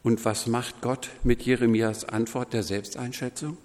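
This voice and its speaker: A man preaching a sermon in a measured, deliberate way, quoting scripture voices as he goes. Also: mid-range voice, steady tone, a little mellow, long reverb tail. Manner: slow, measured preaching with quoted voices woven in.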